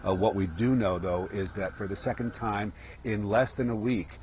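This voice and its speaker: A man reporting live news from the field, ad-libbing with halting pauses mid-sentence. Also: lowish voice, steady tone. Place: outdoors at the scene. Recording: outdoor street and traffic noise.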